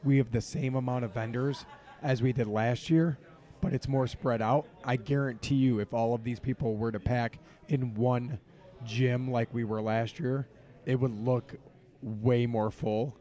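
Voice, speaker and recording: A man running a comic and toy show, speaking with a raspy, hoarse voice in a relaxed, rambling way on a podcast. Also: medium pitch, a little slow. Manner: relaxed, rambling, filler-heavy. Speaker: event organizer. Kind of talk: casual podcast interview. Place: convention hall.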